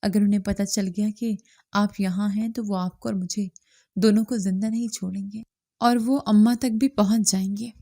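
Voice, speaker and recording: A woman voicing a tender-hearted young daughter who speaks in a halting, hesitant way. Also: mid-range voice, steady tone, warm tone, no room sound, lightly acted. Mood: urgent.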